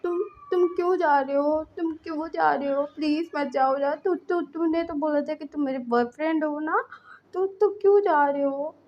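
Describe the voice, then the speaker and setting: A woman's voice: sits high, normal speed, dull audio, a little hiss or hum, voice pushed up, lightly acted. A woman voicing a clingy young man who pleads in a slurred, drunk-sounding way. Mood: pleading. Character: clingy young male omega, pleading and whiny.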